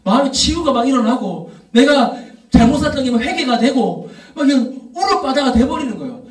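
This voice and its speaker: A youth pastor in his thirties gives an animated sermon. His voice sits very high for a man. He sounds a little far from the mic in a roomy, echoing church hall. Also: brisk. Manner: storytelling, rising to emphatic repeated questions. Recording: echoey room, voice from off mic.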